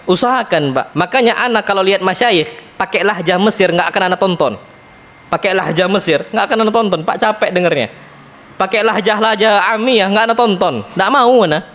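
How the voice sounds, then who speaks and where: A man teaching an Islamic study lecture, speaking in a lively way, often calling his listeners "Pak" and weaving in Arabic terms. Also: high-pitched. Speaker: ustadz. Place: Islamic center lecture hall.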